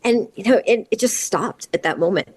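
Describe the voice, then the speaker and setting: An earnest woman in her forties tells her story as an interview guest. Her pitch sits in an ordinary middle range, and she talks candidly in a flowing conversational way. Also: expressive, a little fast, darkish tone, slightly rough. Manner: earnest, candid, recounting at length.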